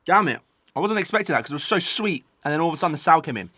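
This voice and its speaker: A man's voice: on the high side, animated, very fast, bright, forceful tone, dry recording, studio quality. A British man talking casually to viewers as he eats sour candy in a taste-test vlog. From United Kingdom. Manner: eating sour candy while talking, reacting to the sourness. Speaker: host of a taste-test video.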